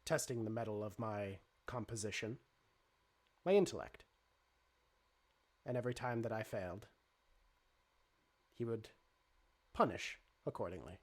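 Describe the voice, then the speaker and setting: A cold, menacing male robot from a tabletop game, as the man running the game puts him on. He speaks in a low, measured, formal way, held quieter and deeper than the game master's normal talk. Every word comes out carefully weighed. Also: animated. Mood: grim.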